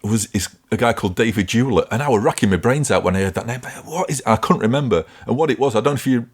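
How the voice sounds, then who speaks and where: A man's voice: medium pitch, lively intonation, quick pace, breathy edge. A man co-hosting a podcast in casual chat, rambling and emphatic, often correcting himself as he talks. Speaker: podcast co-host.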